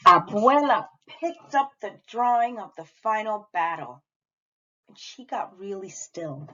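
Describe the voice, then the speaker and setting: A woman reading a children's story aloud with dramatic, deliberate expression. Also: medium pitch, lively intonation, bright, forceful tone, dull audio. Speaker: storybook reader at a school read-aloud.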